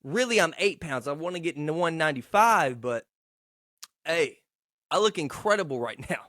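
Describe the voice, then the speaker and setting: A man's voice: on the high side, lively intonation, moderate pace, a bit bright, no echo, clean studio sound. A man, hosting a casual, rambling solo podcast in a profane, slangy, boastful yet self-deprecating way. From Texarkana, United States. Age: 20s. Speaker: podcast host.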